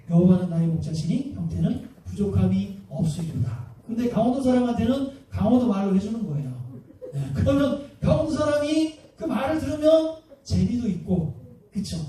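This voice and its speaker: Male pastor, high voice, mellow tone, lively preaching, heavy hall echo, mic set back. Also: slight background noise. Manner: lively, keeps asking the congregation questions. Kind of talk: sermon. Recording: very echoey hall, mic at a distance.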